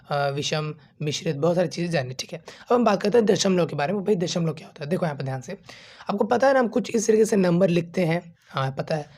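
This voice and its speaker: Fast-talking male maths teacher. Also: a little high, darkish tone. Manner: explains step by step, asks and answers his own questions; informal, calls students 'bachche' and 'bhai'. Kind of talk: classroom-style video lesson.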